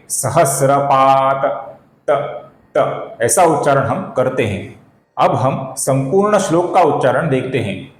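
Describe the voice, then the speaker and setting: A man leads a slow, deliberate lesson on pronouncing chanted verses, breaking each sound down patiently. His voice sits a little on the high side. The recording carries a noticeable room echo. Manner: slow and deliberate, explains pronunciation step by step; chants verses slowly and drawn out. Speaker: Sanskrit recitation teacher.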